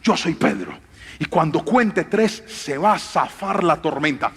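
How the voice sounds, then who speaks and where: A man's voice: a little high, animated, unhurried, vocal fry, a bit bright, husky. A man preaching a theatrical sermon from a stage, directing volunteers. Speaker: pastor. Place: large church hall with audience. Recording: long hall reverb, faint music.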